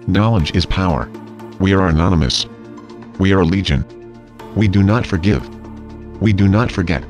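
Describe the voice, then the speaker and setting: A man reading a scripted protest statement in a disguised deep voice, grave and declamatory. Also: normal speed. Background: background music.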